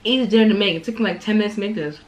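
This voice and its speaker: A woman's voice: medium pitch, racing, soft background music, poor audio. A young woman vlogger chatting casually as she eats dinner on camera in her home kitchen, recorded by a camera close in front of her. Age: young adult. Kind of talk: casual chat while eating. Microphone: camera on table at close range.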